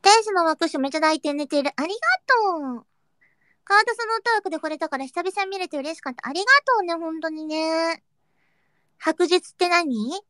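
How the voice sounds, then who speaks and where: A young woman streaming, chatting casually with her viewers and reading their comments, playful and quick to joke, sometimes dropping into a whisper. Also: extremely high pitch, a bit bright, no room sound, studio quality. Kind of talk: casual livestream chat.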